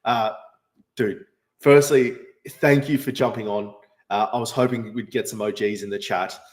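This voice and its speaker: A man hosts a casual live stream and answers questions from chat, rambling with frequent fillers and restarts. His voice is on the low side with fairly even intonation and a moderate pace.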